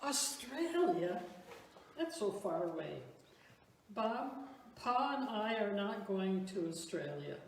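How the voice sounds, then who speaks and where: Slow, stubborn older wife played by a woman. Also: medium pitch, very animated, gravelly, heavily acted. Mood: stubborn, alarmed. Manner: emphatic, deliberate refusals. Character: stubborn older Wisconsin wife Ma, dismissive and emphatic. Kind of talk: amateur church comedy talk-show skit. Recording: roomy echo, background noise.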